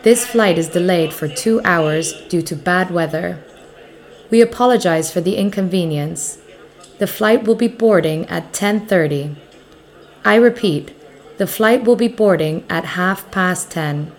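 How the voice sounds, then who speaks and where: A woman reading scripted airport announcements in a formal, measured manner, repeating key details. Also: fairly low pitch.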